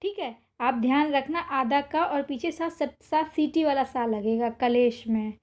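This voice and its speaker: A woman teaching an exam-prep spelling lesson, who slowly repeats each word and keeps reminding her students to remember it. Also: high-pitched, darkish tone. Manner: repetitive, drawn-out spelling of words.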